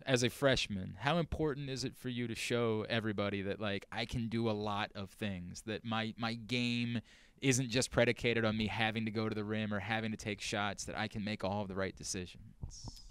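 Casting: middle-aged male interviewer, lowish voice, smooth, chatty and joking, handheld mic, dry sound. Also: steady tone, normal speed, a bit bright, no room sound. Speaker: post-game interviewer. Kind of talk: post-game sideline interview. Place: indoor arena hallway. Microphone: handheld microphone.

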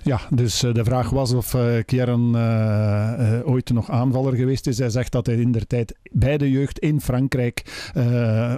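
An older man, a club TV interviewer, doing a post-match interview in two languages, halting with many fillers and translating each answer, on a handheld mic in a locker room. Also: medium pitch, mellow, no room sound, clean studio sound.

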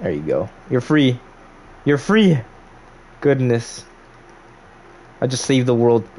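A man's voice: mid-range voice, very animated, slow pace, warm tone, slight background noise. A young man chatting casually on a gaming livestream, greeting viewers and breaking into melodramatic outbursts.

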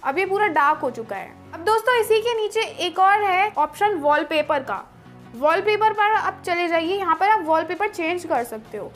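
A woman's voice: very high-pitched, lively intonation, moderate pace, a bit bright, faint music behind. A young woman hosting a tech video, walking viewers through phone settings step by step in a friendly tone.

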